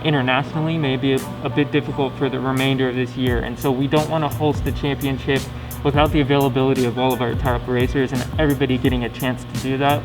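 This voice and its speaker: In this casual company Q&A video, a medium-pitched male host talks informally to camera from a loose outline, frequently adding questions onto his sentences. The audio is poor, with steady music playing underneath.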